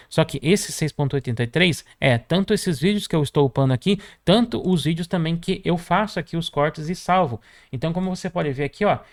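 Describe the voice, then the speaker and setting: A Brazilian man walking viewers through a software tutorial, constantly checking in with "tá?" as he clicks through features. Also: a little high, dry recording, studio quality. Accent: Brazilian Portuguese. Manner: brisk, peppers sentences with "tá?" and "ó". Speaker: tutorial host. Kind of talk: screen-recorded software tutorial.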